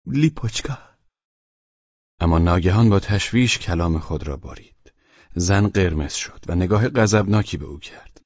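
Low husky male audiobook narrator. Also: darkish tone, no room sound, lo-fi sound. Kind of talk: scripted narration.

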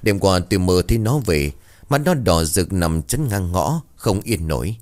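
A man's voice: deep voice, big pitch swings, moderate pace, darkish tone. A man voicing a remorseful old villager. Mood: regretful.

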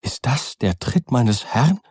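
A man's voice: medium pitch, sing-song, slow pace, husky, no room sound, clean studio sound, pitched above the performer's own voice, full character voice. A man reading as a frightened old servant. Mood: fearful. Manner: hushed, fearful. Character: frightened loyal male servant, older.

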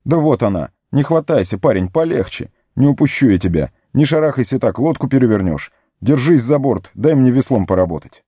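Man reading a burdened hobbit: low, warm, earnest, dry close sound. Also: lively intonation, normal speed, no echo. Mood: urgent. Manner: earnest, tired, gently firm. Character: young male hobbit, weary, resolute, burdened. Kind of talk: audiobook character voice.

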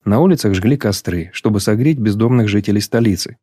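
A man reading a novel aloud as an audiobook narrator, in a measured, even storytelling manner. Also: on the low side, husky, no room sound, clean studio sound. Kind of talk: scripted literary narration.

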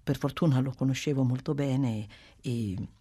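Earnest, reserved young man, as a female narrator voices him, low and subdued, husky and mellow. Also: normal speed, no echo.

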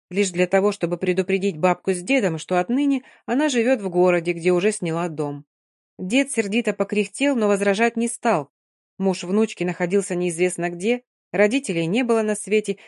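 A woman reading a novel aloud in a steady, measured narrating voice. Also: medium pitch, no room sound, clean studio sound. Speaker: audiobook narrator.

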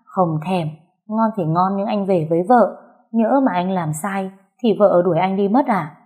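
A woman's voice: mid-range voice, moderate pace, dark tone, lightly acted. A woman voicing a drunk young husband who coaxes and teases his wife, in a told story. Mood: teasing.

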